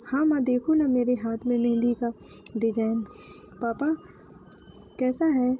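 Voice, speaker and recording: A woman's voice: fairly high pitch, unhurried, dark tone, a little hiss or hum, lightly acted. A woman doing a sweet coaxing young daughter. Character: cheerful young daughter, dreamy, henna-loving.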